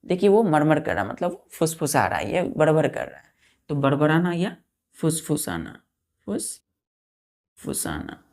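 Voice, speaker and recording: A woman teaching a vocabulary lesson, slowly spelling words out letter by letter and often asking her students whether it is clear. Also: low-pitched, very animated, a little mellow. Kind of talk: classroom lesson.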